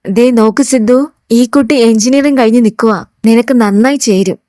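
A woman's voice: on the high side, normal speed, dark tone, dry recording, clean studio sound, close to an everyday voice. A woman reading the part of a middle-aged mother coaxing and pressing her grown son to marry. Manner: coaxing, insistent. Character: insistent middle-aged mother urging marriage.

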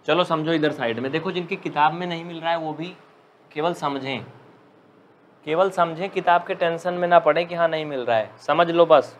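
A man teaching a live online maths class who jokes with students and dictates slowly. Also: fairly high pitch, a little hiss or hum. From India. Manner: chatty, joking, dictates slowly.

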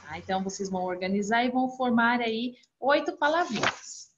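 A woman with a Brazilian Portuguese accent, a primary school teacher, leads a recorded online class for young children, walking through each exercise patiently, step by step. Her voice is fairly high, animated and a little fast, and she affectionately calls the class "turminha". The recording is dull and lo-fi, with background noise.

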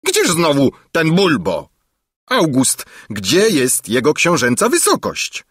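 A man's voice: medium pitch, huge pitch swings, unhurried, fairly bright tone, breathy edge, dry recording, clean studio sound, voice pushed up, full character voice. A man voicing an impatient, greedy old king in a storybook reading, fussy and bossy.

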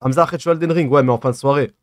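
Rapid-fire and medium-pitched, this man in his twenties reads out livestream comments and answers them with casual, teasing slang, his s sounds lisped. He's at a desk in a small, dim room, with clean studio sound and no room sound.

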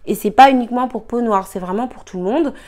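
A young woman who vlogs about cooking and beauty talks casually through a recipe in her home kitchen. Her voice is a little high and a little mellow, and she speaks fast. She sounds hesitant and a little tired, full of fillers and frequent apologies.

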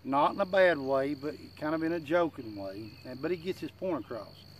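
A man with a rather high voice speaks in a drawl, a little muffled by chewing tobacco in his lip. He gives folksy, plain-spoken advice as a channel host. Faint outdoor nature noise sits behind him. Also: expressive, moderate pace. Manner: plain-spoken, self-deprecating country talk. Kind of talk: casual, folksy advice talk to camera. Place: outdoors in a wooded yard. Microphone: camera a few feet away.

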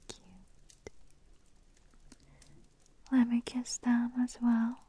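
A woman voicing a playful, teasing witch matchmaker in an ASMR roleplay, whispering softly and giggling. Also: on the high side, slight background noise.

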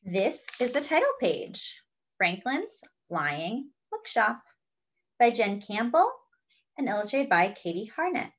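This woman's read-aloud for little kids is expressive and full of chatty asides, her high voice lively and her delivery exaggerated and drawn out as she tells a picture-book story.

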